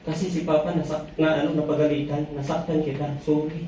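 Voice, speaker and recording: A man doing a weary low-voiced father. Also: fast talker, warm tone, slight background noise, close to an everyday voice. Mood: apologetic. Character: tired, stern working father. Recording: echoey, dull, from far off.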